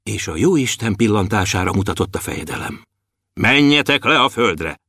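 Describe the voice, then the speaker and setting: Guy doing a stern dwarf prince, scolding but earnest, lively storybook voice. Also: fairly low pitch, dry recording, studio quality, heavily acted.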